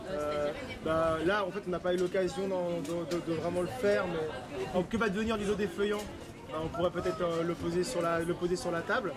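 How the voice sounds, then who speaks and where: A man talks casually about a community project, feeling his way through his sentences with frequent hesitation. His voice sits in a busy outdoor street with a loud crowd around him. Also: sits high, fairly even intonation, fairly quick. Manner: hesitant, searching for words. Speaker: town crier explaining his project. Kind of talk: casual spoken discussion. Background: loud crowd in an urban street.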